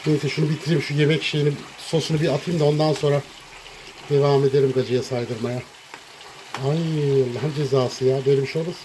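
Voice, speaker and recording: A man recording a cooking vlog in his home kitchen, talking dramatically to viewers and breaking into loud, theatrical insults. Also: medium pitch, level tone, brisk, a little hiss or hum. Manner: dramatic, shouts insults, addresses viewers as "canlarım". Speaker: cooking vlogger.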